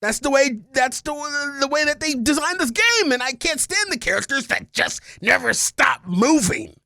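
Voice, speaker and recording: A man co-hosting a casual podcast, ranting excitably and swinging from mumbled asides to shouted outbursts. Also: very high-pitched, moderate pace, creaky, no echo, clean studio sound. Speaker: podcast co-host.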